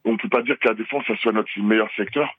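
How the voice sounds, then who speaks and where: A man calling in to a radio show, talking fast and earnestly. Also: on the low side, no echo. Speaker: caller. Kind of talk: phone-in comment. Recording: phone line.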